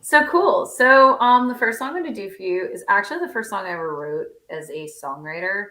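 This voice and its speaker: A woman's voice: expressive, a little fast. A woman songwriter introducing her song on a video call, rambling with many ums. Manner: rambling, many ums, lower and quieter than usual. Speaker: songwriter guest. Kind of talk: casual chat on a video call.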